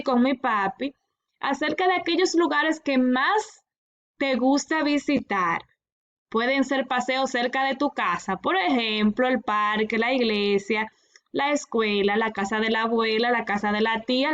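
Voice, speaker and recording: High-voiced woman teaching children. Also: a bit bright, lo-fi sound. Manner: patient, repeats instructions slowly and clearly. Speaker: primary school teacher. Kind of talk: recorded remote class explanation.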